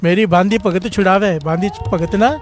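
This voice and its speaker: A man's voice: high-pitched, fairly even intonation, normal speed, faint music behind. A man preaching a devotional sermon, telling a story and calling out refrains for the congregation to answer. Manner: calls out refrains for congregation response.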